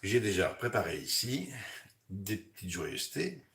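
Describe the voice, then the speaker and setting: A man's voice: fairly low pitch, sing-song, a little slow, fairly bright tone, a little hiss or hum. A man hosting a casual home cooking live stream from his kitchen, rambling and chatting with his viewers and his pets. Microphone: camera on a hanging mount.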